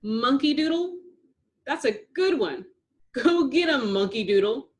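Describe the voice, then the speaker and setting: A woman voicing a tough, hot-tempered little superhero girl who talks loud, indignant and mocking. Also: sits high, lively intonation, measured pace, pitched above the performer's own voice. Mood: teasing.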